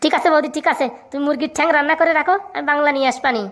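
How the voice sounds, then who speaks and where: A woman's voice: high-pitched, steady tone, racing, a bit bright. A woman voicing a cheeky young male hawker's assistant in a comic cartoon, chatty.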